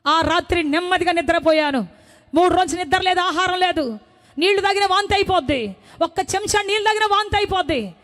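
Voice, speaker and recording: A young woman preacher giving an emotional testimony sermon, fervent and pleading, her voice often rising to loud cries. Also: very high-pitched, fairly quick.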